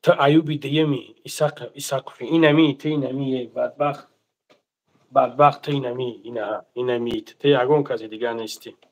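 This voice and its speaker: A man with a Tajik accent hosting a live stream, pleading with viewers for donations and reading out numbers slowly. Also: mid-range voice, dull audio.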